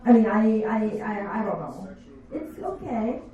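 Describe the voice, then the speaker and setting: A woman in her fifties, not a native English speaker, doing a stand-up comedy set with slow, deadpan, self-mocking delivery. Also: medium pitch. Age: 50s. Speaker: stand-up comic. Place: comedy bar stage. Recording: echoey bar room, distant dull mic.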